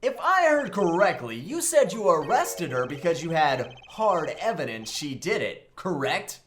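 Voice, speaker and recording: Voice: mid-range voice, big pitch swings, measured pace, slight background noise. A performer voicing a sarcastic, goofy young male defense lawyer in a comic game fandub, wisecracking and theatrical. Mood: needling.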